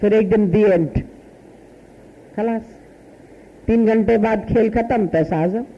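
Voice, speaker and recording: A woman's voice: medium pitch, slow, husky, highs cut off. A woman spiritual teacher giving a satsang sermon, telling a story in short, repetitive, folksy phrases.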